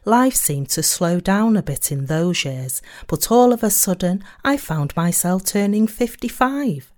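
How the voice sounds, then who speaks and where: A woman reading a sermon aloud in a measured, earnest way, slowing down on key phrases. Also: mid-range voice, lively intonation, darkish tone. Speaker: sermon reader.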